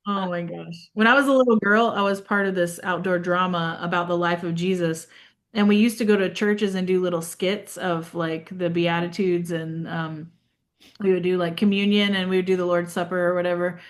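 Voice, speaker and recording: A woman co-hosting a casual podcast, telling stories in an animated way and acting out the quotes. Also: lowish voice, normal speed. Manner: animated storyteller who acts out quotes. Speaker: podcast co-host. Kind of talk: casual storytelling chat.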